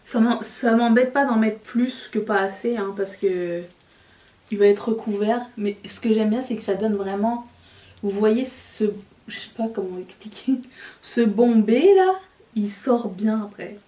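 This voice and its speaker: A woman's voice: mid-range voice, measured pace, dark tone, echoey room, distant mic. A woman vlogger chatting casually to viewers while she does her makeup, joking at her own expense. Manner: chatty, self-mocking, talks while applying makeup. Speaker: beauty vlogger. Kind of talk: casual makeup tutorial chat.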